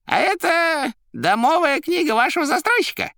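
A man voicing a fussy, mocking male demon clerk in an audiobook, shrill and theatrical. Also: very animated, moderate pace, sharp tone, dry recording, clean studio sound, exaggerated voice. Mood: gleeful. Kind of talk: audiobook character voice.

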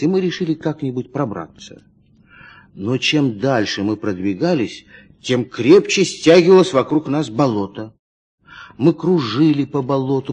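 A man narrating a story in an expressive, dramatic reading style. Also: a little high, breathy edge. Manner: lively, dramatic storytelling with shifting emphasis.

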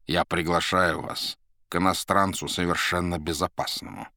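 A man's voice: sits low, level tone, normal speed, pushed and bright, dry recording, clean studio sound. A man reading an audiobook, voicing a surly, bored man who talks curtly and sardonically. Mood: stern. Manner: grumbling, curt. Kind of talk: audiobook character voice.

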